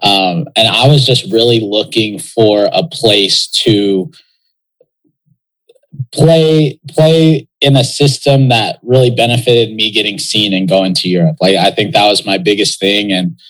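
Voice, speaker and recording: A little slow and fairly even in intonation, this young Texan soccer pro talks loosely and reflectively as a casual interview guest, filling gaps with many fillers. His voice is on the low side and a bit bright, in a low-quality recording.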